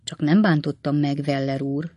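A woman voicing a smooth, scheming older male lawyer who speaks in a wheedling, ingratiating way. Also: lowish voice, animated, no echo.

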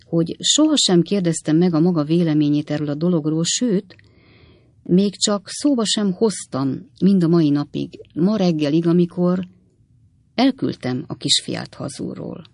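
A reader voicing a kindly, earnest elderly gentleman lodger in an audiobook. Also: medium pitch, dry recording, studio quality, lightly acted.

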